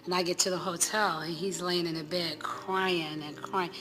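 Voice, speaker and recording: A woman's voice: fairly low pitch, steady tone, a bit bright. A middle-aged woman, a mother, emotionally recounting events in a documentary interview. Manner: emotional, rushed, retelling events.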